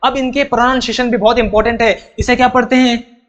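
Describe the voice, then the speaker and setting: A man's voice: very high-pitched, level tone, fast talker, fairly bright tone. A man teaching a grammar lesson in an emphatic way. He keeps asking questions, answers them himself and drills terms by repeating them. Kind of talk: classroom-style grammar lesson.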